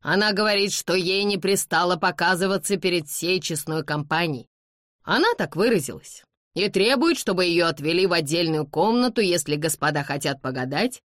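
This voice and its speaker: A woman's voice: on the low side, normal speed, a bit bright, no room sound, studio quality, lightly acted. A woman voicing a harried, servile male footman who reports nervously and apologetically in an audiobook. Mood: reporting.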